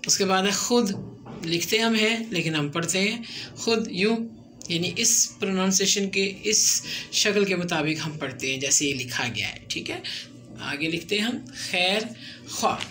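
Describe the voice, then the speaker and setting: A woman teacher explaining a script lesson slowly and patiently, repeating example words for learners to follow. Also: medium pitch, expressive, a bit bright, faint music behind. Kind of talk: classroom lesson on Urdu script.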